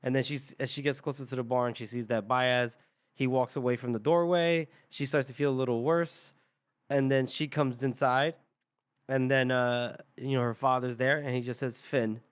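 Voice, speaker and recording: A man's voice: mid-range voice, steady tone, normal speed, clean tone. Chatty man recapping a book. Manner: rambling recap with fillers and chuckles. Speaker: podcast co-host. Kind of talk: casual book discussion.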